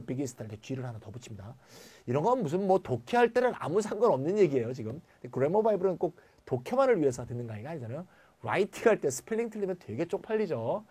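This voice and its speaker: Lively, blunt male grammar lecturer. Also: fairly high pitch, slightly rough. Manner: lively, chatty and blunt, with asides and mild swearing.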